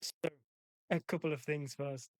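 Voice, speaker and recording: A man's voice: fairly high pitch, steady tone, unhurried. A man hosting a comedic video essay on games, sarcastic and sweary, mixing scripted commentary with rambling asides.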